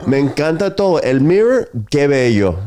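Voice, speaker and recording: A man's voice: a little high, sing-song, moderate pace, a crowd in the background, pitched above the performer's own voice. A man putting on a chatty Cuban woman from Miami who mixes Spanish and English in an exaggerated, sing-song lilt. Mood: gushing.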